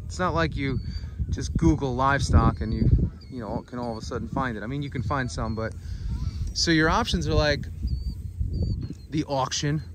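A man's voice: medium pitch, normal speed, background noise. A man telling a casual story on a walk-and-talk farm vlog, rambling with many fillers as he walks through a pasture. He is recorded on a handheld phone out in the open. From United States. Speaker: farmer and channel host. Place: outdoors in a farm pasture with cattle.

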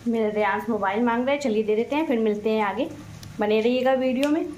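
A woman's voice: fairly high pitch, fast, darkish tone. A woman in her thirties chatting away in a rambling, motherly way while cooking, filmed on a phone at arm's length in a small home kitchen. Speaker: vlogger. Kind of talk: casual cooking vlog chat. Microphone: phone camera at arm's length. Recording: echoey kitchen, faint frying noise.

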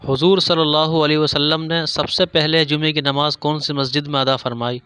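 A man reading religious quiz questions, pausing over each option before he gives the answer. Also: on the high side, level tone, pushed and bright, clean tone, dry recording, studio quality. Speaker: quiz host. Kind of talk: scripted quiz narration.

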